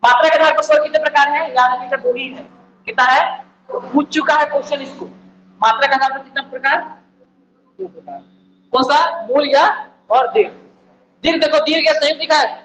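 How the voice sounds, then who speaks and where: A male teacher giving an exam-prep lecture, repeating key points and firing quick questions at the listeners. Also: very high voice, fairly even intonation, sharp tone. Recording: echoey room, faint background noise.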